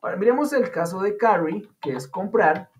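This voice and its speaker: Teaching English online, this high-pitched man talks at a moderate pace with lively intonation, explaining patiently and chattily with playful comparisons. The video call audio is dull and lo-fi, carrying a little hiss or hum.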